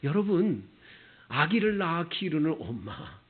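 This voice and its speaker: A male pastor preaching a sermon with strong emotion, moving from soft, hushed lines to high, fervent cries. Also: sing-song, measured pace, slightly rough. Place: church sanctuary. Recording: tinny phone-like church recording.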